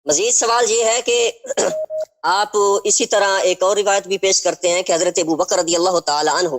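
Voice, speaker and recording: A man calling in to a live show, arguing back in a measured, defensive way. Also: sits high, steady tone. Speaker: caller. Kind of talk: heated live debate.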